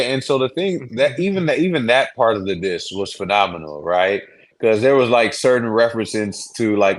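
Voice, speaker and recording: Rambling man on a podcast. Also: lowish voice. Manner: rambling, restarts a lot, gets worked up. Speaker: podcast co-host. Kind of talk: casual sports podcast chat.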